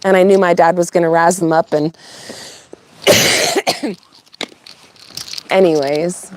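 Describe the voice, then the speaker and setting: Laughing often as she goes, the host of a livestream channel, a middle-aged woman from California, rambles casually and animatedly through a family story. Her voice is fairly low and slow, with long pauses and a bit of background noise.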